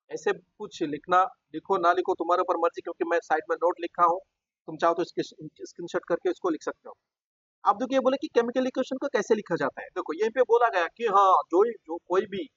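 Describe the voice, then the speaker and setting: A man's voice: high-pitched, a bit bright, no echo. A man teaching school science in speech, explaining step by step and often checking in with his students. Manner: explains step by step, repeats terms, frequent tag questions. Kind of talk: classroom lecture at a board. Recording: dull, dry lo-fi recording.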